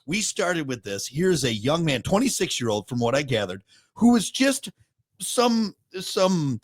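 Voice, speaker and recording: A man's voice: on the high side, sing-song, unhurried, no echo. A man hosting a casual podcast from home, joking and laughing often. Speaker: podcast host. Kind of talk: casual chat. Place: home recording room.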